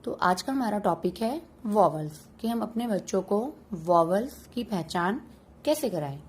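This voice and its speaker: A woman's voice: medium pitch, lively intonation, measured pace, a little hiss or hum, low-quality recording. A woman hosting a home-teaching tutorial, patiently going through letter sounds one at a time. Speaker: teacher and channel host.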